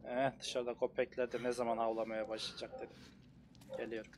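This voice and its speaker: A man giving let's play commentary as a gaming streamer, cursing and yelling at enemies. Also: medium pitch, completely flat delivery, fairly quick, a little hiss or hum. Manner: swears and yells at enemies.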